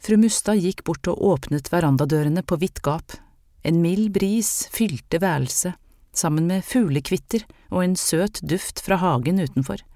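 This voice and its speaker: Calm, measured audiobook narrator. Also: medium pitch, dry recording.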